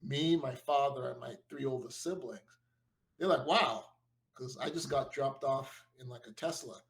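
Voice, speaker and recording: A middle-aged man co-hosting a casual podcast chat, telling stories in a relaxed way, full of "like" and "right?". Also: medium pitch, moderate pace, gravelly, low-quality recording. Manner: storytelling, relaxed, peppered with "like" and "right?". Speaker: podcast co-host.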